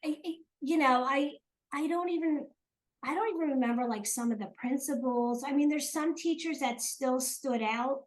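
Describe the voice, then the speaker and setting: A woman's voice: high voice, moderate pace, poor audio. An older woman from South Jersey with a South Jersey accent, chatting as an interview guest, hesitant with many ums and restarts. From South Jersey, USA. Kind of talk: casual interview chat.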